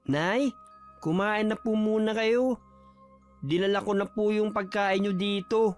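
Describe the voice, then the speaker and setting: A man voicing a gentle, devoted son who speaks softly and politely to his mother. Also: high voice, steady tone, unhurried, soft background music. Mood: tender. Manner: soft, polite, tender. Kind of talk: audio drama acting.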